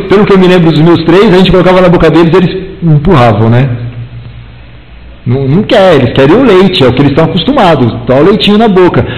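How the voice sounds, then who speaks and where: A middle-aged man from the São leads a church Bible lesson, and his voice sits high for a man. He talks like a chatty storyteller, acting out little conversations. A long hall reverb trails after his words. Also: a little mellow. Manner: chatty storyteller, acts out dialogue with big pitch swings. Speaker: Bible teacher. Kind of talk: church class lesson with personal anecdotes.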